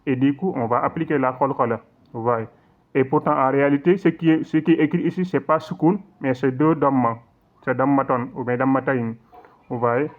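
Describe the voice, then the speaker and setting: A man's voice: medium pitch, fairly even intonation. Man teaching recitation over a tinny line. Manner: patient, repetitive explaining with frequent check-ins; slow drawn-out recitation in demonstrations. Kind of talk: online lesson explaining recitation rules. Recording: tinny phone-like audio.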